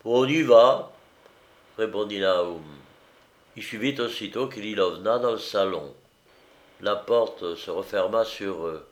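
A man reading a classic novel aloud in measured, scripted narration. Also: fairly low pitch. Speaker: audiobook reader.

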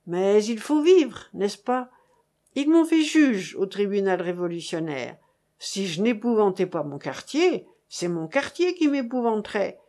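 A man's voice: high voice, a little mellow. Woman doing a pompous old revolutionary judge. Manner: bombastic, swinging between bluster and whispers.

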